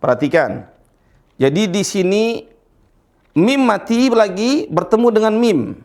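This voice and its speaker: A man from Indonesia gives a recitation lesson at an unhurried pace, stretching out the letters he demonstrates. His voice sits a little higher than most men's. He checks often that his listeners follow. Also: animated, darkish tone. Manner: patient, repeats letters slowly, checks understanding. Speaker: Quran recitation teacher. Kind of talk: slow explanatory lesson with drawn-out recitation.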